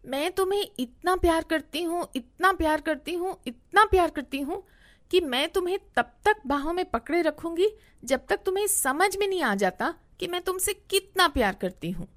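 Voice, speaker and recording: A woman's voice: very high voice, expressive, normal speed, a bit bright, pitched above the performer's own voice. A woman voicing a doting, clingy young mother who insists on how much she loves her child. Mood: insistent. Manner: pleading, insistent.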